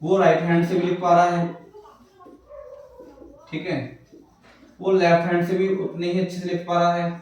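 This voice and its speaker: High-voiced male teacher in an echoey classroom. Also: completely flat delivery, normal speed, long pauses, darkish tone. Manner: asks the class questions and answers them himself; repeats checks like "clear hai". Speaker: English teacher. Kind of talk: classroom lecture in Hindi with English terms. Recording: echoey classroom, far from the mic.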